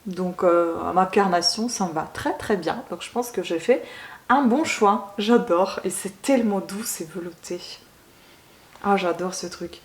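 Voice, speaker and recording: A woman unboxing beauty products at home in a casual vlog, gushing over each item and pausing often with filler sounds. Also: on the low side, echoey room. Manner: gushing, keeps saying she loves it; hesitant, many filler sounds. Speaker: beauty vlogger.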